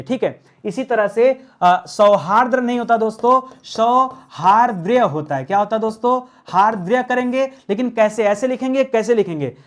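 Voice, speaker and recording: A man teaching an online grammar class. He asks his viewers questions, answers them himself and repeats the key words. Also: sits high.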